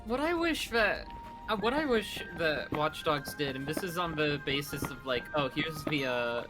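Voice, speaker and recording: Male co-host, rambling casual talk, a bit high-pitched, music audible underneath. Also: lively intonation, moderate pace, poor audio. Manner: rambling, many fillers and restarts. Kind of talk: casual gaming chat.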